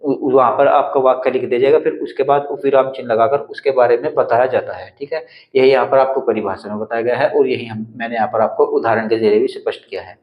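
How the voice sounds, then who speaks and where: A man's voice: mid-range voice, steady tone, quick pace, few pauses. A male Hindi teacher explaining punctuation on a whiteboard, step by step, repeating each example. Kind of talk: whiteboard grammar lesson. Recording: echoey room, slightly dull sound.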